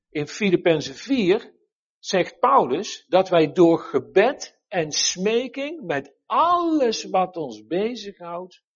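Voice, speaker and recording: Man, sermon, earnest preacher, lively pitch, slightly high voice, dull lo-fi recording. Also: slightly rough. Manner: earnest, animated, with frequent restarts.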